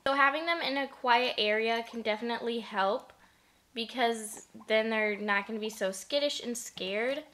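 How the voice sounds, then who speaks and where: Chatty young woman, slightly high voice. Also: normal speed, bright, forceful tone. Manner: chatty, lots of fillers. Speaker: pet vlogger. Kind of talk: casual how-to vlog.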